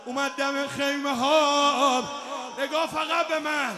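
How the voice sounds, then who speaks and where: A man reciting a religious mourning eulogy, shouting and chanting drawn-out lines at a mourning gathering. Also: very high voice, fairly even intonation. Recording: live crowd and music behind.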